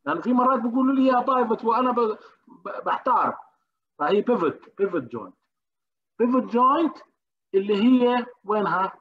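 A man delivers an interactive medical lecture in a high, quick voice. He throws questions to his students and stumbles through hesitations as he searches for terms. The recording is dull and lo-fi. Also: fairly even intonation. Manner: questions the class, frequent hesitations.

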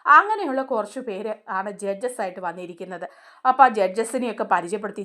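A woman recaps a TV serial episode in a loose, chatty way. Her voice sits a little high. She keeps dropping in small tag words and restarting her sentences as she tells it. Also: fairly bright tone. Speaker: TV serial reviewer.

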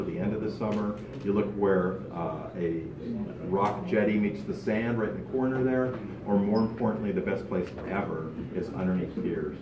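A middle-aged man giving an animated, informal talk to a fishing club in a large meeting room. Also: on the low side, noisy background. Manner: animated, gestures a lot while talking. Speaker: club speaker. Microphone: far camera, no mic. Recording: echoey room from far off.

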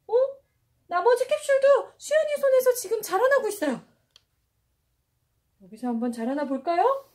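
Young mom vlogger, very high lively voice, cooing at her baby at home. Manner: sing-song, exclamatory, cooing to a child. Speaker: mother filming play with her baby. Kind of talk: playful parenting vlog narration. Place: home indoors.

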